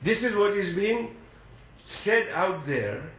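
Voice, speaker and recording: A man from East Africa preaching a religious sermon, earnest and measured, with deliberate pauses. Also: sits high, expressive, a bit bright, echoey room, poor audio.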